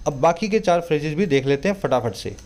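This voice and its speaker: A male tutor with a mellow, fairly high voice, explaining English vocabulary in Hindi. He reads English lines out very slowly. Then he breaks them down in a chatty teaching way, often asking the viewer rhetorical questions. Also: expressive. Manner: explains word by word, slows sharply to read English passages. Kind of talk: Hindi-language English lesson reading a newspaper editorial.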